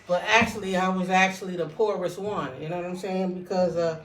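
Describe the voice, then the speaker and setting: A woman's voice: on the low side, steady tone, brisk, background noise. A woman telling a casual, rambling personal story in a conversational way, often checking in with the listener. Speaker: vlogger telling personal stories. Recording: echoey room, distant mic.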